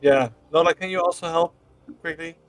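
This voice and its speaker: A man's voice: fairly high pitch, fairly even intonation, moderate pace, poor audio. A man chatting casually as a player in a tabletop role-playing game.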